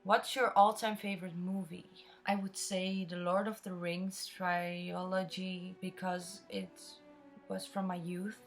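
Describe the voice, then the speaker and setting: Faint music sits behind this twenty-something woman from the Netherlands as she speaks at a measured pace with a flat delivery and a voice on the low side. Chatty and open, she rambles through stories while answering questions from her vlog's viewers, her Dutch accent clear.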